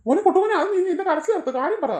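A fussy village auntie , as a woman acts her out, in a high, shrill voice. She talks fast and fires off one worried, scolding question after another. It is a home-made family skit. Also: animated, darkish tone, echoey room. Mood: fussing.

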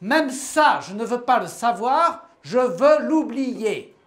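A woman reads as a stubborn, irritable storybook man who lifts his voice high and loud whenever he refuses. He pushes each word out with insistence, sounding cornered and obstinate. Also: lively intonation, takes it slowly. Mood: insistent.

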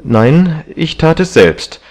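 A man's voice: on the low side, lively intonation, a little slow, mellow. A man reading an audiobook, voicing a vain, agitated young man who talks in a heated, raised voice.

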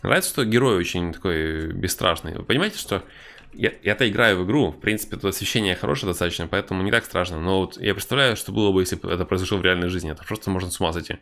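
A man's voice: deep voice, racing, fairly bright tone. A man giving casual, wry commentary on a horror game playthrough, with mock-tough banter. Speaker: game streamer.

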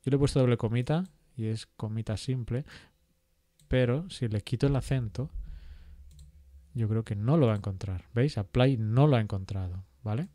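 A man from teaching GIS software in a screen-recorded tutorial, thinking aloud with many fillers and checking in with "¿vale?" as he clicks along. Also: medium pitch, moderate pace, no room sound. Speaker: GIS instructor.

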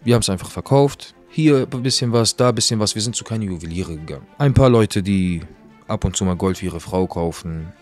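A young man telling a story in a casual, slangy monologue, swinging between loud outbursts and hushed asides. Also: on the low side, animated, brisk, faint music behind.

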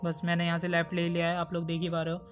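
A man with a high voice rattles through gameplay commentary at a quick clip, his pitch staying fairly level. He talks straight to his viewers in a chatty way and spooks easily. Faint music plays behind him. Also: monotone. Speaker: gaming YouTuber.

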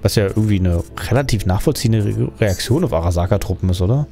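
A man narrates his own video game session in a loose, thinking-aloud way. He wanders between thoughts and often ends with a questioning tag. Quiet game music plays faintly behind his voice. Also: fairly low pitch, lively intonation, quick pace, creaky. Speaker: let's play gamer. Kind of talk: casual gameplay commentary.

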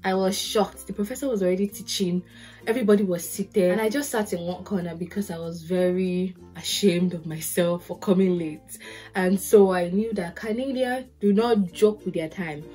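With a mid-range voice and moderate pace, a Nigerian-accented young woman gives casual advice to the camera, acting out little stories and quotes energetically. She's a podcast host and lawyer from Nigeria, recording indoors in a curtained bedroom with faint music.

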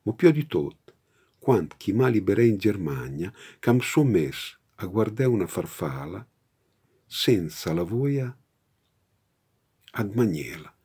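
A man in his sixties recites poems in Romagnol Italian dialect. His gravelly voice moves slowly, with a lively rise and fall that suits verse read aloud. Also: fairly low pitch. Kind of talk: poetry reading. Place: book-lined study, indoors.

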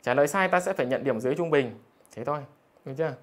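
A man's voice: a little high, animated, racing. Teasing man teacher. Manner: teasing, jokey, keeps asking "được chưa?". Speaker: math teacher. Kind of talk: online livestream lesson, reading out scores.

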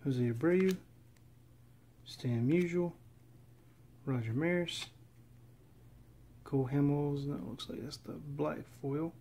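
A man casually narrating as he opens packs of trading cards, reading off names in a steady, relaxed list. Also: fairly high pitch, takes it slowly, long pauses, a little hiss or hum. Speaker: card collector opening packs. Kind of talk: casual running commentary. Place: indoors at a table.

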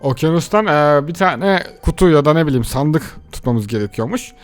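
A young man hosting a let's play video, excitably chattering to his viewers while he plays. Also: on the high side, normal speed, soft background music. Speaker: gaming channel host.

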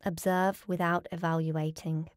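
A woman teaching yoga nidra leads listeners into rest with soothing, calm directions in a fairly low voice, pausing gently between phrases. Her recording is close and dry, without echo.

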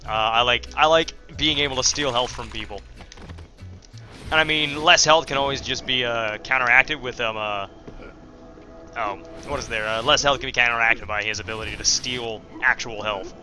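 A man's voice: medium pitch, steady tone, moderate pace, bright, forceful tone, faint music behind. A man giving casual, rambling commentary while playing a video game, full of fillers and self-deprecating asides. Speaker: let's play host.

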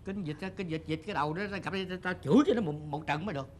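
A man playing an eatery owner in a sitcom, scolding loudly and blustering. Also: fairly high pitch, very fast. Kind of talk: sitcom acting.

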